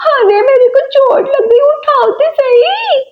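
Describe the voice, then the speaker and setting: Woman doing a shrill, wailing old grandmother. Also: lively intonation, slow, background noise, full character voice. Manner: shrill wailing over a fall. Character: old grandmother, fussy and complaining. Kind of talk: doll play-acting. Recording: dull lo-fi recording.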